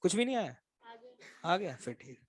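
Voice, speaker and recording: A male physics teacher giving a classroom lecture, constantly quizzing his students with quick questions and teasing them to check they follow. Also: sits high, very animated, husky. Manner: coaxing, teasing.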